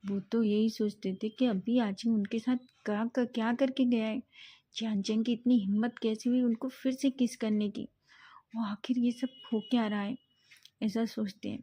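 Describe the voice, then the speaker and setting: A woman's voice: fairly high pitch, fairly even intonation, moderate pace, warm tone. A woman narrating a fan-fiction romance in a casual storytelling way, often correcting herself mid-line. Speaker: story reader.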